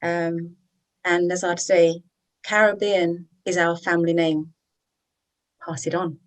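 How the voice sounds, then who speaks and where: A woman's voice: fairly low pitch, flat delivery, slow, rough recording. A woman hosting a webinar on citizenship services, chatty and encouraging, often checking in with "okay?". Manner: chatty and encouraging, with tag questions. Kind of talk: persuasive presentation.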